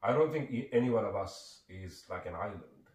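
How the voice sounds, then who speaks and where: Deep-voiced Sri man, echoey and distant. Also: animated, moderate pace, a little mellow. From Sri Lanka. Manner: earnest, reflective. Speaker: guest. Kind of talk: reflective conversation. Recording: echoey room, distant mic.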